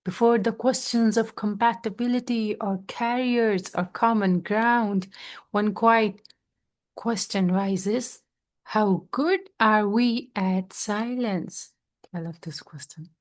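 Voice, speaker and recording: A woman's voice: medium pitch, slow. A woman, hosting in a reflective, personal way and mixing two languages. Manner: code-switches between English and Urdu-Hindi. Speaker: host. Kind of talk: casual chat and slow, reflective reading aloud.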